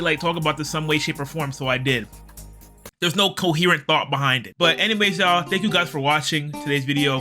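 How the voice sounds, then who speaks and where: A young man rambling excitedly and in slang about old video games he loves, as host of his gaming channel. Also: on the high side. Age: young adult. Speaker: gaming YouTuber. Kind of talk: casual gaming commentary vlog.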